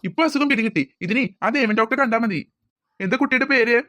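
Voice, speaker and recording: A woman voicing a brisk hospital staff member in a cartoon, asking questions. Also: fairly high pitch, a bit bright, no room sound, close to an everyday voice. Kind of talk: cartoon voice acting.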